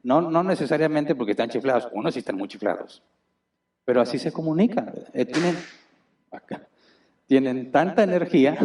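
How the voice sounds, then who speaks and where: A pastor preaches a chatty, explanatory sermon in a church auditorium, checking in with listeners by tagging his points with rhetorical questions. His voice is medium-pitched and darkish, and he sounds far from the mic.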